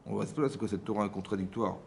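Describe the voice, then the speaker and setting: A man's voice: lowish voice, quick pace, gravelly. A man giving a Torah lesson as a rabbi, acting out dialogues and often checking that his listeners understood. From France. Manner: lively, acts out dialogues, asks the audience if they understood. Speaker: rabbi teaching a class. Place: community hall class.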